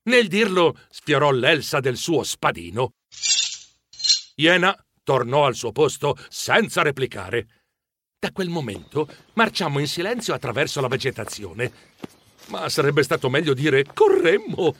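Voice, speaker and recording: A man narrating a children's story in the first person, with animated, expressive delivery. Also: fairly high pitch, unhurried, a little hiss or hum. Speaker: audiobook narrator.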